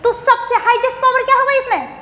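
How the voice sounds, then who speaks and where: Woman teacher, lecture style, bright voice, long room reverb, repeats key terms. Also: very high-pitched, fairly even intonation, fast. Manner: questions and answers herself, repeats key words. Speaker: maths teacher. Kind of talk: classroom lecture. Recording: echoey room with faint noise.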